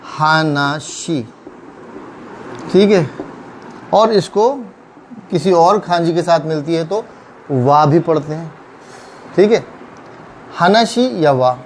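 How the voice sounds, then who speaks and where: A man teaching a kanji lesson, explaining slowly and patiently and repeating each reading. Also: on the high side, slight background noise, rough recording. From Pakistan. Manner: slow, patient, repeats words, checks in with "theek hai". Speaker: Japanese language teacher.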